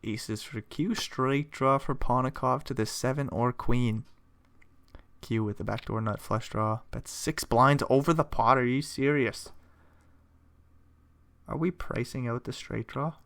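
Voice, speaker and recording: Hiccuping and yawning, a young man with a medium-pitched, creaky voice commentates a poker final table play by play, relaxed and chatty, thinking aloud and tossing in playful asides. The recording is dry.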